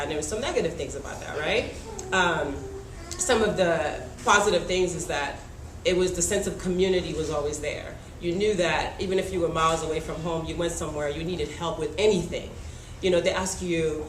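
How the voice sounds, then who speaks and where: A young woman from Haiti, whose first language is Haitian Creole, telling personal stories to a panel audience in a chatty way, with many ums and small laughs. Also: low voice. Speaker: panel speaker. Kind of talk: personal talk at a public forum. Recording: echoey room with background noise.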